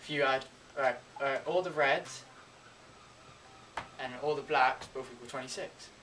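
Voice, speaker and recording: A young man in his teens giving an informal, halting step-by-step card trick tutorial in amateur magician patter. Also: mid-range voice, a bit bright, a little hiss or hum. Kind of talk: informal step-by-step demonstration and explanation. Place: indoors at a table and whiteboard.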